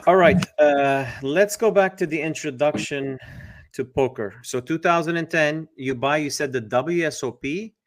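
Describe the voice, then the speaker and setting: A man hosting a podcast, asking short questions and giving quick acknowledgements in casual chat. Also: on the high side. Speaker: podcast host.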